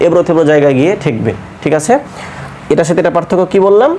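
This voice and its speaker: A man teaching a lesson on pronouncing Arabic letters, saying the sounds slowly and repeating them, often checking with "right?". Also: fairly high pitch, animated, mellow, a little hiss or hum. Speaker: Quran teacher. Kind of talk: step-by-step pronunciation lesson.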